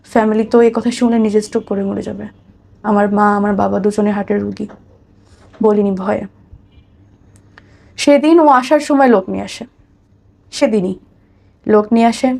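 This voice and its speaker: Telling her life story as an interview guest, a woman with a Bangladeshi accent speaks in a mid-range, creaky, dark voice with fairly even intonation. Her speed is normal, though she leaves long pauses. She often repeats phrases and addresses the host with respect.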